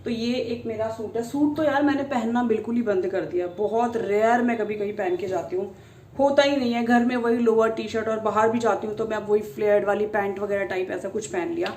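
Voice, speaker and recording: A woman's voice: medium pitch, steady tone, a little fast, a little mellow, a little hiss or hum. A woman in her thirties chatting casually in a family vlog, rambling and laughing often. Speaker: family vlogger.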